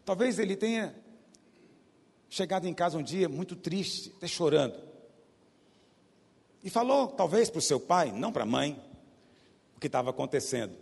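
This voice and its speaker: Man preaching, Goiás accent, gravelly husky voice, lively rising and falling pitch, long hall reverb. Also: moderate pace, long pauses. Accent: Goiás Brazilian Portuguese. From Goiás, Brazil. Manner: swings from loud emphatic bursts to low hushed asides. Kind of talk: sermon.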